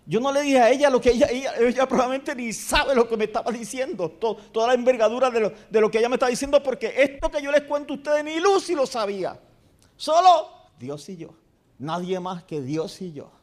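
A man preaching a sermon in a church, telling a story and dropping to a hushed voice for repeated prayers. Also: extremely high pitch, fairly quick. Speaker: pastor.

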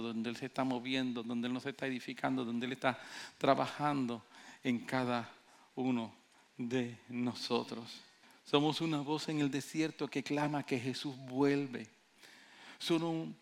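A man preaching a sermon with passion, telling stories and acting out the people in them. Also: medium pitch. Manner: impassioned preaching, rising to near shouts; acts out quoted voices in storytelling. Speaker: pastor.

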